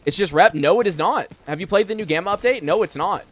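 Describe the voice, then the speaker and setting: This young man's voice sits high and is expressive, fast, and fairly bright. Playing a game live from a room in his home, he chats casually with viewers, rambling and leaning heavily on filler words.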